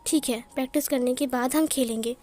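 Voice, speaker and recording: Woman doing a calm, soft-spoken young man. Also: sits high, close to an everyday voice. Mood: coaxing. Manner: slow, gentle and soft-spoken. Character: calm, patient young man caring for the prince.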